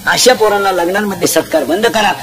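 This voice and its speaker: Man, high pitch, punchy comic preacher who quizzes the audience, live outdoor stage recording with loud crowd noise. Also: a little fast. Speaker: kirtan preacher. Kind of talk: humorous devotional sermon to a live crowd.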